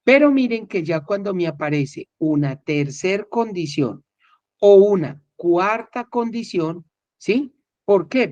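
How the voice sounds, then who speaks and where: A man's voice: sits high, a little mellow, no echo. Man teaching, checking in constantly. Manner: step-by-step explaining, keeps checking in with listeners. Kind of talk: recorded online spreadsheet class. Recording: dull, dry, lo-fi recording.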